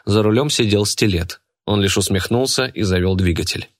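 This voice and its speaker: A man narrating an audiobook in an even, measured way. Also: lowish voice, dry recording, studio quality.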